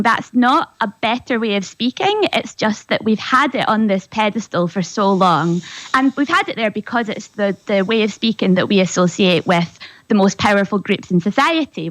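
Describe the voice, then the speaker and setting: A woman's voice: mid-range voice, lively intonation, normal speed, a bit bright, no echo, low-quality recording. A woman linguist on a radio discussion, explaining patiently and often checking in with "right?". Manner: explanatory, tag questions, laughs lightly. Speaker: linguist guest.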